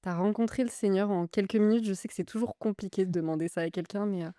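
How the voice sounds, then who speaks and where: Gentle hesitant woman podcast host. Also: medium pitch, fast, no echo, clean studio sound. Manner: gentle, hesitant, many fillers. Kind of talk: interview hosting.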